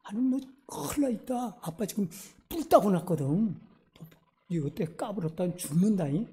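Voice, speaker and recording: A man voicing a stern father who whispers a low warning to his small child during a sermon. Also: expressive, moderate pace, dark tone, husky, heavily acted. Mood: hushed warning. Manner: whispered scolding, low and menacing.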